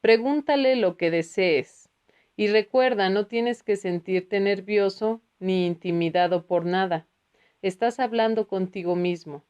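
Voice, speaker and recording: A woman's voice: mid-range voice, measured pace, a little mellow, smooth, lo-fi sound, close to an everyday voice. A woman voicing a soothing, reassuring spiritual teacher in a read-aloud book.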